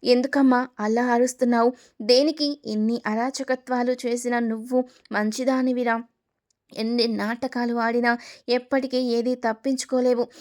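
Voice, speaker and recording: A woman's voice: on the high side, a little mellow, natural voice. A woman reading as an accusing young daughter. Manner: accusing, scolding.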